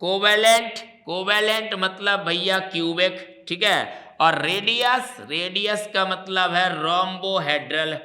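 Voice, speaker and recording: A male chemistry teacher walks students through exam revision. His voice sits high and sounds bright. He talks slowly and repeats key words patiently. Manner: repeats key terms and explains them patiently, addresses students as "bhaiya".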